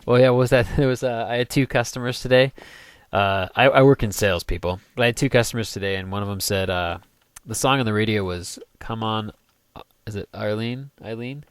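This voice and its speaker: A man's voice: lowish voice, a little fast, clear, resonant tone, dry recording. A young man hosting a casual gameplay video, rambling and joking as he builds. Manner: jokey, rambling, sings goofy snippets. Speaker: gaming let's play host.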